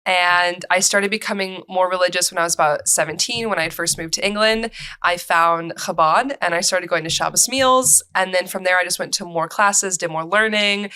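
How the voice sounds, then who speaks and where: Smooth and sharp-toned, this young American podcast guest speaks at a moderate pace in a lowish voice. She recounts her personal story conversationally, having grown up moving from country to country.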